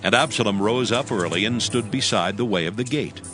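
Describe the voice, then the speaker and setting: A male narrator with a lowish voice reads scripture in a measured, solemn way while soft music plays faintly underneath.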